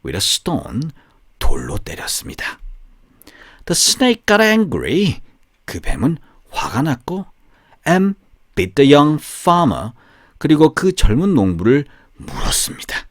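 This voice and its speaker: An audiobook narrator tells a scripted bilingual fairy tale for language learners, going deliberately, phrase by phrase, in a storytelling manner. His voice is a little high, with huge pitch swings, and no room sound is audible.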